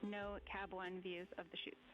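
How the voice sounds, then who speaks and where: A woman's voice: mid-range voice, little pitch movement, normal speed, soft background music. A woman serving as a mission control communicator, making clipped procedural callouts over a breaking-up space radio link. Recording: dull lo-fi broadcast radio feed.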